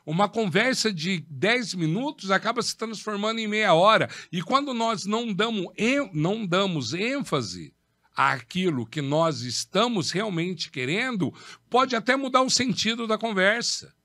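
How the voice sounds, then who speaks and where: Lively emphatic Brazilian podcast host. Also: male voice, sits high, unhurried, dry recording. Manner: emphatic, repeats key words, asks and answers his own questions. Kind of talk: instructive talk on public speaking.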